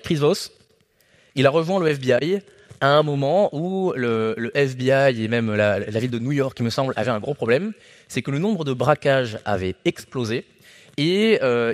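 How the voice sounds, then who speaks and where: A man leading a sales training session in front of a group. He talks conversationally, with fillers and restarts, and punches key points with sudden jumps in pitch and volume. His voice sits in a mid range. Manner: animated, emphatic, with sudden rises in pitch and loudness. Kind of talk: live sales training talk to an audience.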